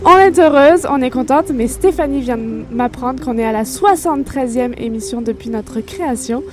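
High-voiced upbeat woman radio host. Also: moderate pace. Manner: cheerful, energetic introductions. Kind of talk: lively radio talk show hosting.

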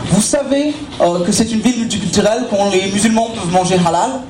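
A man playing a pompous German former opera singer in a stand-up sketch, with a German accent and stiff, formal, deadpan delivery. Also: sits high, fast, natural voice. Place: comedy stage before an audience. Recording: roomy live club recording, loud crowd laughter.

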